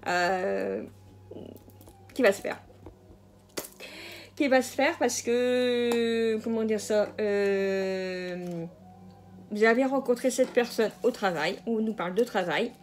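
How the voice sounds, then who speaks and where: A woman talks through a tarot reading at an unhurried, slow pace, her pitch sitting in an ordinary middle range. She hesitates often, restarting sentences and filling gaps, and chuckles at her own jokes. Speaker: tarot card reader. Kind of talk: casual general tarot reading.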